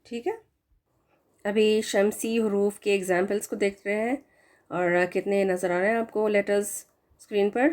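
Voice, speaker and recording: Woman, recitation teacher, online lesson, fillers, mixes in English, slow drawn-out examples. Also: mid-range voice, steady tone, a little mellow. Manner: mixes English words into her explanations; hesitant fillers while explaining.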